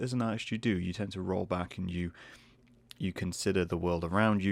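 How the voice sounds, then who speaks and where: This casual solo podcast features a Northern English artist and host talking into a desk microphone right by his face. He has a very deep, creaky, gravelly voice, croaky and rough today, and his thoughts wander with self-mocking restarts. No room sound can be heard.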